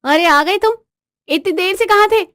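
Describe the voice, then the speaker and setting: A sassy young bride who talks back at every turn, as a woman puts her on. She is shrill, high and cheeky, and her lines land close and dry like a bedtime storybook reading. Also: normal speed, fairly bright tone, no room sound. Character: sassy bratty young newlywed wife.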